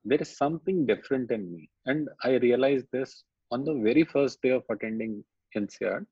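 A man with a North Indian accent talks conversationally about his own life in a halting, hesitant way. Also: medium pitch, animated, breathy edge. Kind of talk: conversational coaching discussion. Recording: dull, roomy, lo-fi recording.

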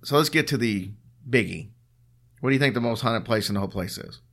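This ghost-story podcast co-host talks a little fast in a mid-range, slightly bright voice. His storytelling is chatty and relaxed, with a dry, teasing edge.

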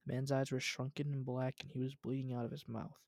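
A man's voice: medium pitch, level tone, fast, vocal fry, darkish tone, no echo, clean studio sound. A young man reading a story aloud at home, casual, with asides.

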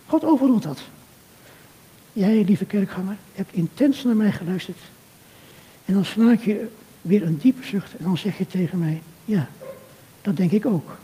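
Older man, very dark voice, echoing hall. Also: sits high, lively intonation. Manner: earnest, measured, addressing the listener directly. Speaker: speaker at a church conference. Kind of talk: reflective sermon talk addressed to a listener. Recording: long reverb of a hall.

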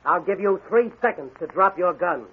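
A man's voice: sits high, lively intonation, moderate pace, breathy edge, narrow, tinny audio, exaggerated voice. An actor playing a confident, commanding masked male crime-fighter in a 1940s radio drama. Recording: scratchy old radio recording.

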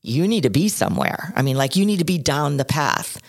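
Woman, 60s, low-pitched, expressive storyteller, dry sound. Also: fairly quick, dry recording. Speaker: podcast co-host. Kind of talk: casual chat.

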